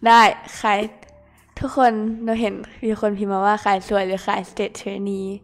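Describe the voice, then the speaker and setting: A young woman from Thailand chatting playfully and excitably with viewers as she streams a game. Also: medium pitch, unhurried, soft background music. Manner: playful, excitable, talks to viewers while playing. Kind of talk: casual game streaming chat.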